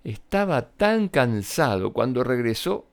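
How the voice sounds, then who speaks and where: A male storyteller reading a tale aloud for children. His voice rises and falls with lively pitch, and he speaks directly to his young listeners. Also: unhurried, vocal fry. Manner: animated and expressive, addressing children.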